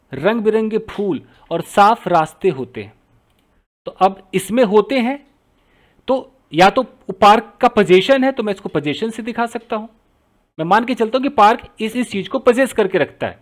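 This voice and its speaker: Man, teacher, high voice, repeats each phrase, keyboard typing behind. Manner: explains step by step, repeating phrases while typing. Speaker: English teacher. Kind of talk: Hindi-medium writing lesson, translating sentences.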